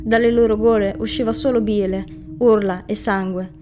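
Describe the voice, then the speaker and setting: A woman reading a dark first-person story aloud in a flat, grim narrating manner. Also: mid-range voice, normal speed. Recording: music bed under the reading. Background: music underneath.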